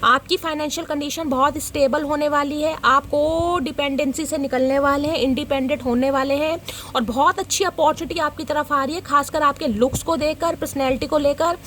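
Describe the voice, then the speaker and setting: High-pitched lady doing a chatty tarot reading, teasing and joking with viewers, bit of faint noise behind. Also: fairly even intonation, fairly quick, fairly bright tone. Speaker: tarot reader.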